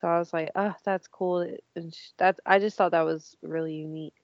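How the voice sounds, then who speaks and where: A woman's voice: sits low, steady tone, fast talker, no room sound. Chatty woman on a dull, dry recording. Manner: chatty, laughing, lots of fillers and swearing. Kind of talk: casual chat.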